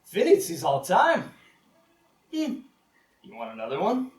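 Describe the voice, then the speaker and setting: A man's voice: high voice, huge pitch swings, measured pace, darkish tone, voice pushed up, exaggerated voice. A man voicing a clever, confident giant's wife, sweetly reassuring and breezy. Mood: breezy, innocent. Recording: roomy live hall sound.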